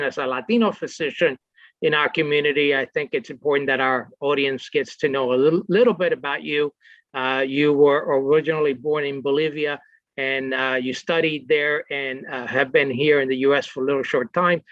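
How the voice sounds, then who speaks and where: A man's voice: on the high side, fairly even intonation, moderate pace, fairly bright tone, dry recording, muffled recording. A man hosting a public affairs show, interviewing his guest with lots of fillers and restarts. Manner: hesitant, many fillers and restarts. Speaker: TV talk show host.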